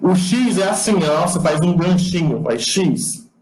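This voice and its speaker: A man's voice: high-pitched, expressive, measured pace, darkish tone, reverberant, soft background music, rough recording. A man with a Brazilian accent giving an online lecture, patiently explaining the sign alphabet step by step. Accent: Brazilian Portuguese. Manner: patient, explanatory, demonstrates as he talks.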